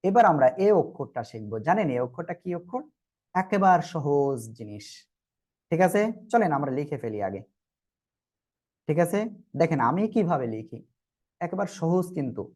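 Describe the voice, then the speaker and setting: A Quran teacher leading an online group class, patiently sounding out letters slowly and asking everyone to repeat together. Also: medium pitch, sing-song, a little mellow.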